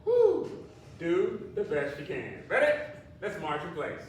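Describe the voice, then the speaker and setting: A man's voice: fairly high pitch, a little slow. A man leading a group exercise class as an aerobics instructor, calling out counts and cues in a rhythmic, motivating drill cadence with short repeated phrases. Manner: rhythmic, drill-style cadence calls with energetic whoops. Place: large echoey indoor room at a senior center. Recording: echoey hall, distant mic, faint noise.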